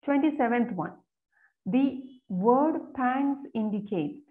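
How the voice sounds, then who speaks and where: A woman exam coach, reading each question slowly and then explaining it quickly. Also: high voice. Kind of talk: explaining exam questions, mixing Malayalam and English. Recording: phone-like narrow sound.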